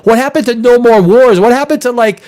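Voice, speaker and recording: A very high-pitched, fairly quick and slightly mellow voice comes from a man in his fifties hosting a livestream. Canadian with Czech origins and a North American accent, he talks off the cuff in a casual, emphatic, profane way, often repeating phrases.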